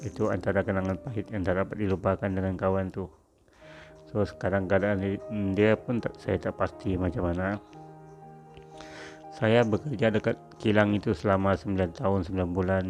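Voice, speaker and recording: A former factory worker from Sabah, Malaysia, a middle-aged man, looks back on his working years in a personal story. His voice is deep, low and gravelly with noticeable fry, a darkish tone and little pitch movement. He's reflective and unhurried, using frequent small fillers, while faint music plays underneath.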